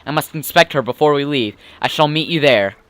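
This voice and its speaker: A man voicing an old, grieving sailor who is a living bomb, speaking slowly, low and solemn. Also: fairly bright tone, clear, resonant tone, dry recording, natural voice. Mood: gruff.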